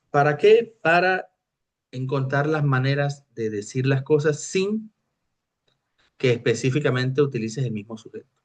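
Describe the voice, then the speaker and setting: A man, teaching a recorded lecture on technical writing, explaining through examples and often checking in with his listeners. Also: mid-range voice. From Mexico.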